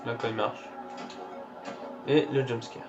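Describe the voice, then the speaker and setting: A man's voice: medium pitch, fairly even intonation, measured pace. Man giving casual game commentary, lo-fi. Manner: reactive, exclaiming at what appears on screen. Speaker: gameplay commentator. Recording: dull lo-fi recording with faint game music.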